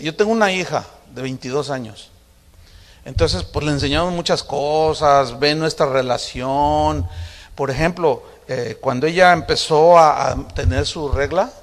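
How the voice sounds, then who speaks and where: A middle-aged man, preaching a sermon in a conversational, storytelling way, acting out family conversations with humor. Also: a little high. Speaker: pastor. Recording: long hall reverb.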